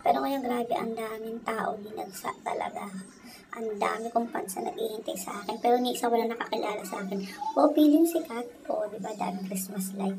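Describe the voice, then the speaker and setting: A woman's voice: a little high, fairly even intonation, fairly quick, background noise. A woman with a Filipino accent narrating a casual vlog outdoors in a park at night on a phone camera, teasing and playfully self-pitying. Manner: teasing, playfully self-pitying, shouts and sing-song at times. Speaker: vlogger. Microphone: handheld phone camera.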